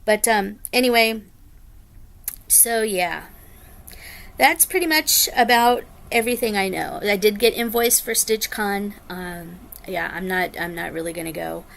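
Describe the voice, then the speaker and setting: A tired-sounding woman in her forties, an American flosstube vlogger, rambles casually to her viewers with lots of ums. Her gravelly mid-range voice is a bit bright and runs a little slow.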